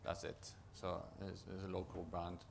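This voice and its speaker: A Norwegian project manager gives a conference presentation in a low, gravelly voice with a Norwegian accent. He talks haltingly, frequently breaking off to restart and repeat words, and his deep, creaky voice stays monotone throughout. Background noise is audible.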